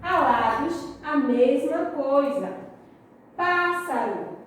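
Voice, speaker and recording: A woman teacher giving a recorded school lesson, explaining slowly and checking in with her pupils. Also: high voice, darkish tone. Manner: slow, deliberate explaining with frequent check-ins. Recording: very echoey, distant mic.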